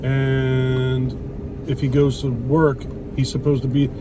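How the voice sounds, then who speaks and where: A middle-aged man, a vlogger, chats casually with his wife over a meal, and his mid-range voice stays fairly level in pitch as he talks slowly. He's blunt and opinionated, with some light swearing. The mic sits far away, and loud traffic and car noise fill the background.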